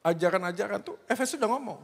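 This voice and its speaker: Indonesian male preacher, high-pitched, casual and lively delivery, long church-hall reverb. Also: very fast, gravelly, breathy edge. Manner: lively, conversational, mixes in English words. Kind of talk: sermon.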